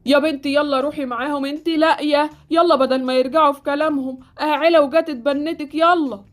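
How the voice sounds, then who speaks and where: A woman's voice: high-pitched, fairly even intonation, fast, natural voice. A woman voicing a sleepy, fussy old man who runs an orphanage, with an Egyptian accent, in a Roblox story with light music behind. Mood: fussing. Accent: Egyptian Arabic.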